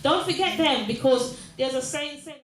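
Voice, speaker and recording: Older woman from Jamaica, mayor speaking to a crowd, higher voice, earnest and repetitive, echoey room. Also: moderate pace, a little hiss or hum. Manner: earnest, repeats phrases, checks in with the audience. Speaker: mayor giving a closing speech. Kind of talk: community speech. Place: large room at a mayor's office. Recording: echoey room with faint ambience.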